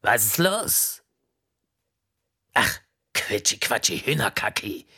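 Man doing a stern female prison warden, barking and shrill, wildly swinging pitch, gravelly edge. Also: sing-song, slow pace, sharp tone, exaggerated voice. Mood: impatient. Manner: snapping, barking, shrill outbursts.

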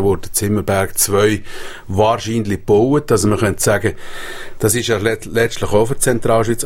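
A man's voice: fairly low pitch, a little mellow. A man with a Swiss German accent interviewing a politician on the radio, asking conversational, probing questions.

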